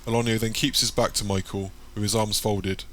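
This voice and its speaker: A man reading an audiobook, telling the story in a plain, steady way. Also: lowish voice, brisk. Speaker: audiobook narrator. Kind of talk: scripted narration.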